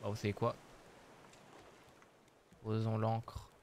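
Male game streamer, unhurried musing commentary, faint game noise behind. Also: fairly low pitch, monotone, a little mellow. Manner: slow, musing, thinking aloud with many hesitations. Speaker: streamer playing a survival game. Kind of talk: casual live game commentary.

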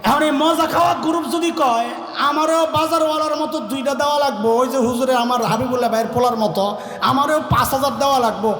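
A man preaching a fiery sermon at a big gathering, shouting questions for the crowd to answer and telling stories with quick voiced asides. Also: very high-pitched. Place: large open-air religious gathering. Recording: echoey PA sound at a crowded outdoor event. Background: crowd of listeners.

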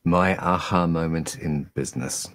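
A man, a guest on a video call, telling a reflective story in a measured way with frequent restarts. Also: sits low, fairly bright tone. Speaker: guest, virtual MC.

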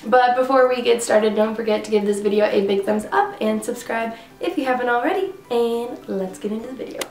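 A young woman in her twenties, a fitness vlogger, chats casually to camera in her living room about workouts, rambling with plenty of fillers. Her congested voice is on the high side, fairly quick and a little mellow. Soft music plays in the background, and the room sounds echoey.

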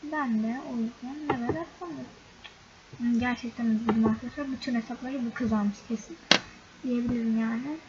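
A young female gaming YouTuber chats casually with viewers over a game screen recording, frequently sounding exasperated. Her voice is on the high side, fairly quick with fairly even intonation, and the recording is dull and lo-fi with loud background noise.

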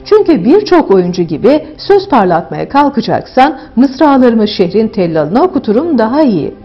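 A woman reading diction exercises aloud in a clear, measured way. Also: on the high side, sing-song. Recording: dull lo-fi with faint music.

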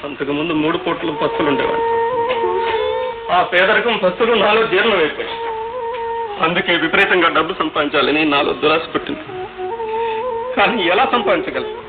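An actor playing a poor young man hooked on horse racing, pleading and excitable, in an old film soundtrack. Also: high voice, a little fast, long pauses, phone-quality sound, over loud music. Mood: remorseful.

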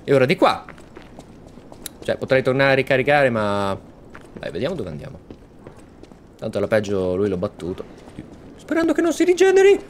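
A man hosting a let's-play, excitedly commenting on his game and chatting to viewers. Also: fairly low pitch, moderate pace, long pauses, a little hiss or hum. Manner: excitable, exclaims often, talks to viewers. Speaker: gaming channel host.

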